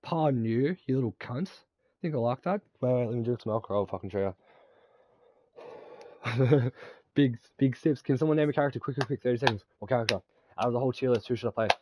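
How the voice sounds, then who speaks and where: This game streamer is a man in his twenties, drunk, swearing and rambling crudely as he plays and chats. His voice is mid-pitched and dark, the pace quick, with no echo.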